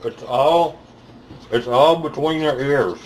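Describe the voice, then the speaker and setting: A man in the middle of a live spiritual talk in an auditorium, with an ordinary pitch for a man. He talks bluntly and curses freely as he makes his points. His voice swells to loud, emphatic peaks and then sinks back to low, quiet stretches. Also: slow, roomy sound, slight background noise, rough recording. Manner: blunt and profane, swearing freely. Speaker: spiritual teacher. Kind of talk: live motivational talk to an audience.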